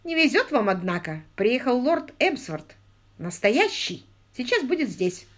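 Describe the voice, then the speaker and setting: A woman reads a spiteful shrew with a sarcastic, bossy tongue. Her pitch jumps high and sharp. It is a comic audiobook. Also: very animated, unhurried. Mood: triumphant. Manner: sarcastic, domineering.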